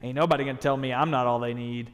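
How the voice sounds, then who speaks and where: A man's voice: mid-range voice, fairly even intonation, quick pace, close to an everyday voice. A man mimicking an indignant parent. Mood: defensive. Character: indignant churchgoing parent, defensive. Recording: long reverb in a church sanctuary.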